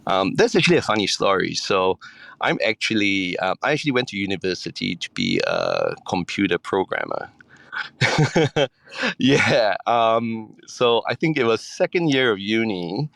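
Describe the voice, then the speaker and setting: Guesting on a podcast, a chef from Singapore responds loosely and haltingly, starting over often and filling gaps with ums. His voice is fairly low and creaky, his delivery unhurried, and the recording dry.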